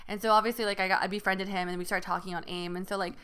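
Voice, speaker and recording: A young woman co-hosts a podcast, chatting casually and rambling with plenty of fillers. Her voice is medium-pitched, a bit bright, and smooth, with fairly even intonation. She talks at a racing pace.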